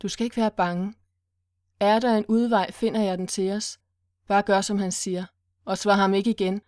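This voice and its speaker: A frightened man forcing himself to sound calm, speaking in soft, soothing tones, as a woman reads him. The recording is dry and close. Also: mid-range voice, dry recording, natural voice.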